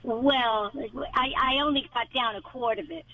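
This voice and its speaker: A woman's voice: sits high, normal speed, pushed and bright. A woman caller on a clipped phone line from her car, rambling through details to a radio advice host. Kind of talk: call-in radio talk. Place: inside a car.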